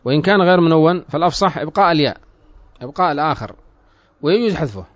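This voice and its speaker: Male grammar teacher, fast lecture, repeats himself, asks the class questions, dull lo-fi recording. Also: fairly high pitch, animated, no room sound. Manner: reads the text aloud, then explains it with questions to the students; repeats himself and restarts phrases.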